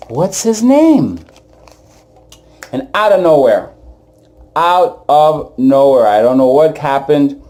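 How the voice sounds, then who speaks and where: A man's voice: medium pitch, dark tone, slight background noise. A man doing stand-up comedy, telling stories and talking straight to the audience with casual asides. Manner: conversational, addresses the audience directly with asides.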